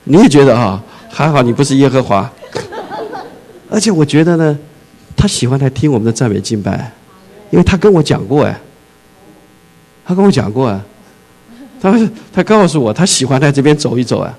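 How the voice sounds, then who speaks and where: A male pastor preaching a sermon, reading scripture slowly, then joking and acting out scenes, with English words mixed into his speech. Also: mid-range voice, rough recording. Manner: animated, shifts from slow scripture reading to lively jokes and shouting.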